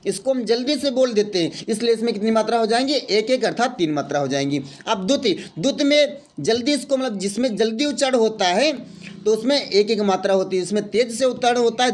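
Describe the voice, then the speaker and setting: A male teacher giving a grammar lesson, explaining step by step and counting aloud as he asks and answers his own questions. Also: high-pitched.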